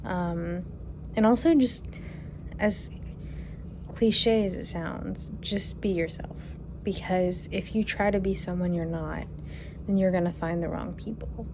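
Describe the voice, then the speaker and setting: Chatty young woman on a noisy phone recording. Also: medium pitch. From Kentucky. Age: 20s. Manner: relaxed, chatty, thinking aloud with fillers. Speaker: vlogger. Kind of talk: casual Q&A vlog. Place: her apartment, indoors. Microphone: phone camera.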